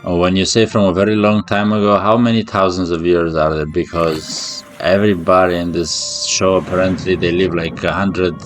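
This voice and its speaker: A man hosting a casual reaction video, excitable and swearing with lots of fillers. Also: sits low, moderate pace, few pauses, soft background music.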